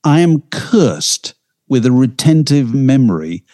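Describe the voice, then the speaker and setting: Lively man telling stories. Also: medium pitch, slow. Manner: lively, chatty storytelling with restarts. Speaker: podcast co-host. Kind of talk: casual chat.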